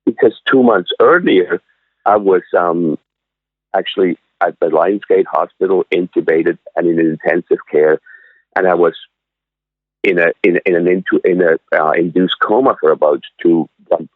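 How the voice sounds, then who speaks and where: A man in his sixties from Switzerland, a cafe owner telling his story in a halting way with many fillers and restarts, over a phone line. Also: deep voice, no echo. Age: 60s. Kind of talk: casual interview storytelling. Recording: dry, tinny phone-line sound.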